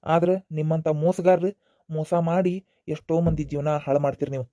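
A man voicing a stern, high-voiced cartoon father. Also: steady tone, fairly quick, dull audio, background noise, lightly acted. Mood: scolding. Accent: North Karnataka Kannada. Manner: scolding, emotional, repeats himself. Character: aging father of a grown daughter, stern then remorseful. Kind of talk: cartoon voice acting.

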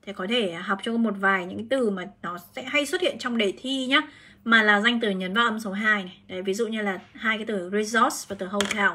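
Bright-voiced woman teaching a live lesson. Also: mid-range voice, a little fast, breathy edge. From Vietnam. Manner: chatty, explains step by step, calls out students. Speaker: English teacher. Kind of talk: live-streamed exam prep lesson.

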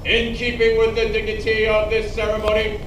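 A man, an army sergeant, giving a formal, commanding ceremony announcement through loudspeakers. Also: sits high, monotone, background noise. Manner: loud, measured, commanding. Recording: echoey public address from far off.

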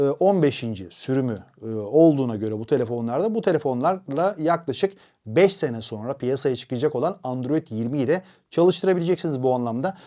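A man delivers a product review at a brisk clip. He pauses often on short fillers as he explains. His voice sits a little high for a man and has a mellow, darker tone. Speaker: tech reviewer.

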